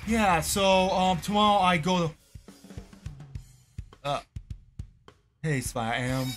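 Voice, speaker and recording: This streamer, a man in his twenties, has a high, fairly bright voice with lively intonation, and he speaks slowly while chatting to viewers over game music. His talk rambles and repeats, punctuated by quick bursts of frustration.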